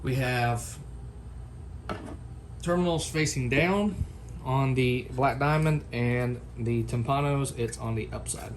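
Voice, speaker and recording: With a little hiss or hum in the recording, a man takes his time chatting through a homemade unboxing and comparison vlog. His voice is medium-pitched, and he sounds like a folksy, unscripted product reviewer talking informally to viewers.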